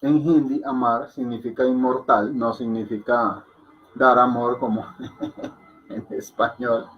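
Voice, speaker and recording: Slow, patient man teaching a class. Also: mid-range voice, level tone, dull audio. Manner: patient, repeats words slowly, checks with "¿ok?". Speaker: Hindi teacher. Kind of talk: explaining to a class.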